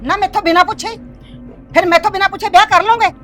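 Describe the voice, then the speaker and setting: A woman's voice: extremely high pitch, steady tone, quick pace, soft background music. A woman playing a stern, touchy older village mother who scolds her family for leaving her out. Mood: scolding. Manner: scolding, complaining, sharp-tongued. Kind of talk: village web-series acting.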